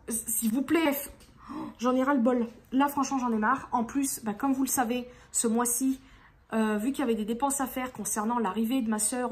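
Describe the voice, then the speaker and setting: High-voiced exasperated woman vlogger. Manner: exasperated, rambling, with frequent restarts. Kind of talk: casual venting vlog.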